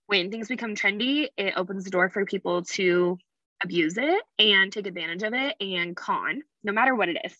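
A woman's voice: medium pitch, moderate pace, sharp tone, no room sound, highs cut off. Woman podcast host, casual solo chat, slight slur on S's, rambling and candid, dry close sound. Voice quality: slightly slurred S sounds from retainers. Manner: candid, rambling, frequent fillers and asides.

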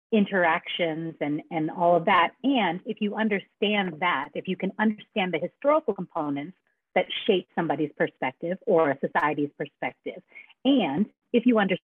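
A woman's voice: on the low side, dry recording. A woman co-hosting a talk show, explaining a point earnestly and restarting her sentences often. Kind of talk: casual conversational talk. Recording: dry, husky, phone-like line.

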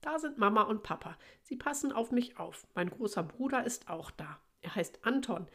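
A woman reading aloud, voicing a cheeky little girl fish in a higher, eager voice. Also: lively intonation, normal speed, a bit bright.

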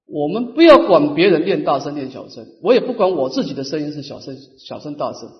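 A man with a high voice gives a Buddhist dharma lecture, punching each numbered point and then letting his phrases fade. The sound is dull and muffled, as if the mic sits some distance away in the hall. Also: big pitch swings, fairly quick. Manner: emphatic, stresses numbered points with rising pitch, trails off softly. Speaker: Buddhist teacher. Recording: muffled lecture recording from afar.

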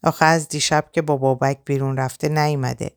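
Tearful anxious mother, read by a woman, low voice. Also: level tone, no room sound, clean studio sound. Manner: anxious, crying.

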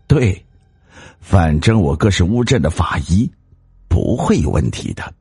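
A man's voice: big pitch swings, measured pace, mellow, slightly rough, no echo, studio quality, exaggerated voice. A man voicing a greedy, scheming wife who bosses and scolds her timid husband. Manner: scolding, bossy, shrill. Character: scheming greedy wife, woman, sharp-tongued.

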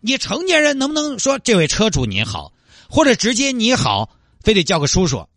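A man's voice: high voice, huge pitch swings, fast, pushed and bright, dry recording, studio quality, pitched above the performer's own voice, heavily acted. A man voicing an indignant young male car owner, scolding and exasperated.

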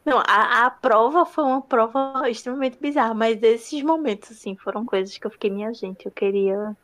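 A woman co-hosts a casual podcast and chats in an emphatic, playful way. Her voice sits somewhat high. She leans into exclamations. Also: a little fast, a bit bright. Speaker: podcast co-host.

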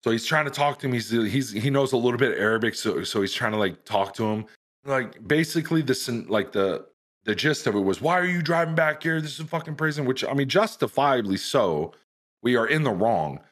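A young American man telling a profane, animated story to friends on a podcast. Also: mid-range voice, fairly quick. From United States. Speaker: podcast host. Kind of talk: casual storytelling among friends.

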